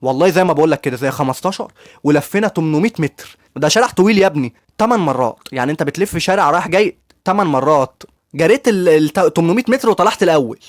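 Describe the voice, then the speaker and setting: A man's voice: a little high, lively intonation, no echo, studio quality. A young man with an Egyptian accent telling his own story in a casual, chatty vlog, talking straight to his viewers. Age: young adult. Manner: rapid, chatty, addresses viewers directly. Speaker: YouTuber giving student advice.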